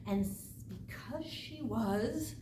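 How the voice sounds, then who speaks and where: Female oral storyteller, dramatic and unhurried, recorded from a distance in an echoey, noisy room. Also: on the high side, lively intonation. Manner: dramatic, deliberate, with emphatic phrases and pauses. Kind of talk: live oral folk tale telling.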